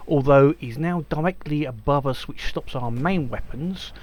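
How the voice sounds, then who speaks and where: A man's voice: fairly high pitch, moderate pace, a little mellow. A man giving casual let's-play commentary, chatty and hesitant with many ums and restarts. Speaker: gameplay commentator.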